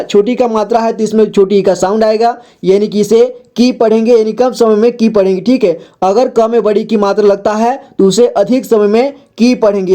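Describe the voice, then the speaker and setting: A woman teaching Hindi letters and vowel marks, explaining patiently, repeating herself and drawing out syllables slowly one by one. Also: mid-range voice, mellow. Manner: patient, repeats "ठीक है" and "देखिए" often, drills syllables slowly. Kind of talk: slow classroom explanation.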